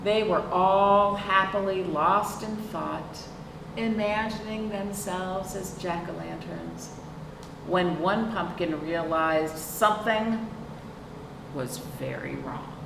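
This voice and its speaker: A librarian hosting a children's storytime reads a picture book aloud in a lowish voice, taking it slowly. She reads expressively to the young children, adding chatty questions and asides. The recording is roomy, with a distant microphone and clear background noise.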